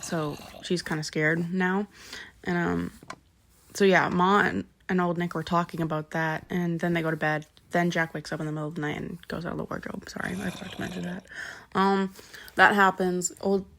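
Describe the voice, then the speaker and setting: A woman's voice: lowish voice, steady tone, normal speed, fairly bright tone, a little hiss or hum. A woman casually retelling a novel's plot as a vlogger, rambling with lots of fillers, backtracking to correct herself and swearing offhandedly. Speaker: book vlogger.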